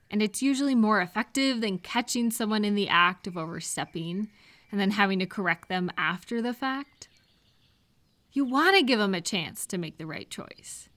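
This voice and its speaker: A woman's mid-range, slightly bright voice carries a supportive advice roleplay aimed at one listener. She talks conversationally, reassuring and explaining as she goes.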